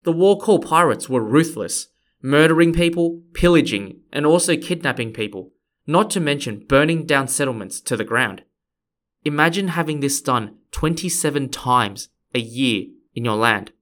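A man's voice: on the high side, expressive, normal speed, fairly bright tone. A man hosting a history podcast, reading scripted narration with playful, conversational asides to his listeners.

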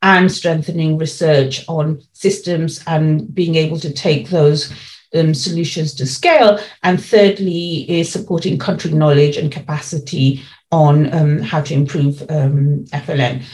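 A woman serving as a policy lead answers interview questions explanatorily, setting out her points in measured, formal language. Her voice is low-pitched, steady and somewhat dark.

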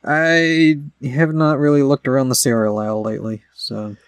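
A man's voice: medium pitch, level tone, moderate pace, smooth, dry recording. A man co-hosting a podcast in casual chat, rambling through explanations with many fillers. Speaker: podcast co-host.

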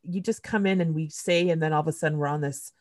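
A woman's voice: low-pitched, fairly even intonation, fast, darkish tone. A woman from Canada hosting a podcast, telling a candid, emotional personal story in casual conversation, with blunt swearing. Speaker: podcast host.

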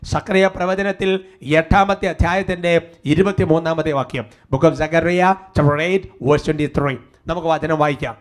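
A man's voice: on the high side, measured pace. A man preaching a sermon, calling out for responses and quoting scripture. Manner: fervent prayer, then steady teaching. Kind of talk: sermon with prayer and worship.

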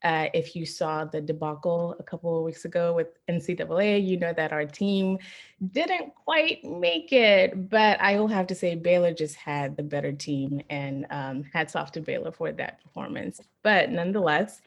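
A woman from Zimbabwe, a professor, speaking as a guest in a relaxed podcast interview and thinking her answers through with frequent ums. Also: on the low side, normal speed, gravelly. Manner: thoughtful, reflective, with frequent ums. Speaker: guest, leadership studies professor.

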